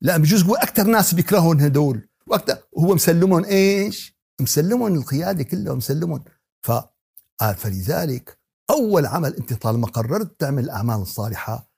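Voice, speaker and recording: Man, Levantine Arabic accent, Quran teacher, animated joking lesson, fast-talking, husky. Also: a little high. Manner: animated, joking, many rhetorical questions. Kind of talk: religious lesson in colloquial dialect.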